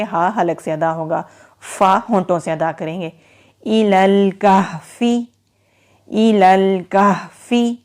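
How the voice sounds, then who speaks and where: A woman teaching recitation in a patient step-by-step lesson. She explains each rule in measured everyday speech. She stops often to chant the verse slowly and stretch out its sounds. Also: medium pitch, a little mellow.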